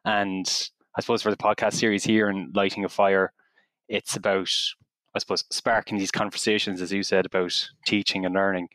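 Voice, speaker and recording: A man in his thirties with a western Irish accent talks casually as a podcast co-host. His voice is fairly low and recorded dry, and he is tentative and reflective as he works through his thoughts. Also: level tone, fairly quick, a bit bright, no echo, poor audio. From County Mayo, Ireland. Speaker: guest co-host, primary teacher.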